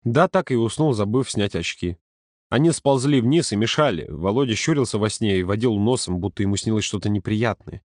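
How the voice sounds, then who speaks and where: A man narrating a story in a calm, steady audiobook reading. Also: lowish voice, brisk, no room sound, clean studio sound. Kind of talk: scripted narration.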